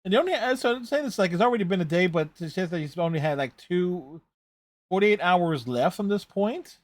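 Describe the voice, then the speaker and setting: A man's voice: high voice, lively intonation, a little fast, no echo. A man hosting a reaction video, giving casual, rambling, conversational running commentary on a TV show.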